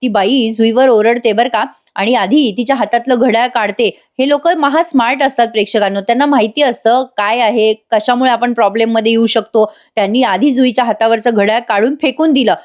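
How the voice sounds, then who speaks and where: A woman tells the story of a TV serial episode in a chatty voice-over, often turning to address her viewers. Her voice sits a little high for a woman. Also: fairly quick, few pauses. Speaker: TV serial reviewer.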